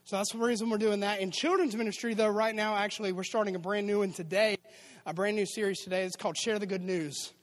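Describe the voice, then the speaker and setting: High-voiced upbeat pastor. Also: male voice, fairly even intonation, fast. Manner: upbeat, joking, chatty. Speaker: youth and children's pastor. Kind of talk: church announcements. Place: church auditorium.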